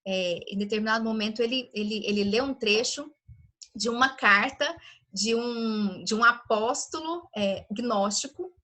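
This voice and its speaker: Bright-voiced woman teaching the Bible. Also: fairly high pitch, measured pace. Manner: conversational, asks rhetorical questions, frequent "né?". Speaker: women's ministry Bible teacher.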